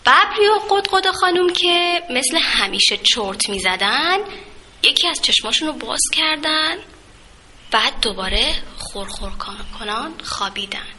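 A woman narrating a children's story in a gentle, lilting storytelling way. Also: sits high, big pitch swings, a little hiss or hum.

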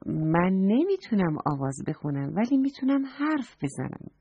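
A woman's voice: medium pitch, big pitch swings, breathy edge, dry recording. A woman voicing a friendly talking parrot in a children's story, on a dull lo-fi recording. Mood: explaining.

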